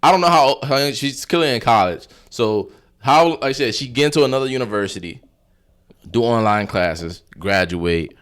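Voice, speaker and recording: A man co-hosting a podcast, joking and bantering loosely and reading a quick outro. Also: medium pitch, expressive, a bit bright. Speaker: podcast co-host. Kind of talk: casual chat.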